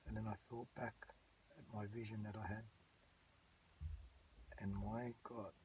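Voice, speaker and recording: A man's voice: fairly low pitch, warm tone, a little hiss or hum, low-quality recording. Earnest man telling a rambling testimony. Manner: earnest, rambling, with many fillers and restarts. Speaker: channel host giving his testimony. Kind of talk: personal religious testimony.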